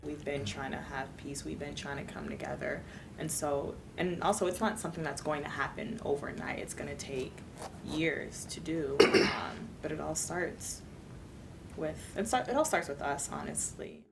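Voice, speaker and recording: A woman speaking softly and hesitantly in a documentary interview. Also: normal speed, vocal fry. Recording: distant mic with audible rumble.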